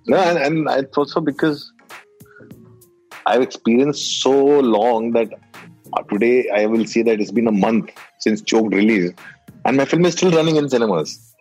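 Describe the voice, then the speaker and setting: A man's voice: mid-range voice, moderate pace, a little mellow, breathy edge, soft background music, poor audio. A man with an Indian accent chatting casually as a panel guest, joking and often repeating words as he starts. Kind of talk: casual chat.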